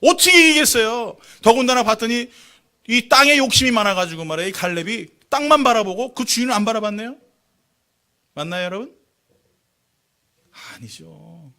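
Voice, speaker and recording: Male pastor, bright voice, lively joking sermon, keeps calling out to the congregation. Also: extremely high pitch, normal speed, pauses often. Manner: lively, jokey preaching that calls out to the congregation. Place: church sanctuary.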